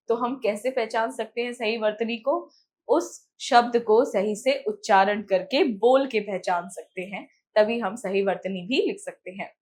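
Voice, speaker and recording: A woman teaching a grammar lesson to children. She reads example words slowly and with stress, and she asks questions and then answers them herself. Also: a little high.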